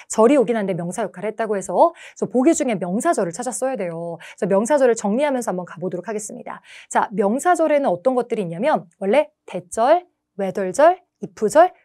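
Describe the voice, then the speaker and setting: Young woman lecturer walking thru grammar, highish voice, bouncy intonation, leans on key words. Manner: explanatory, animated, stresses key words. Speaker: English test-prep lecturer.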